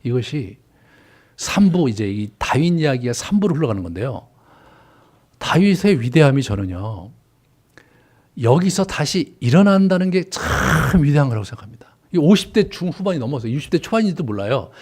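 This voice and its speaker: A male pastor preaching a sermon, swinging from loud emphasis to hushed whispers. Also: mid-range voice, sing-song, moderate pace, husky. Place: church sanctuary.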